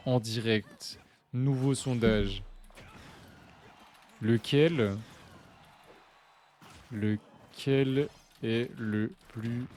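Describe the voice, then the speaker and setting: A young man from France casually commentating a live fighting-game match, chatty and joking with his chat, with sudden bursts of excitement. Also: mid-range voice, slight background noise. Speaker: esports commentator and stream host.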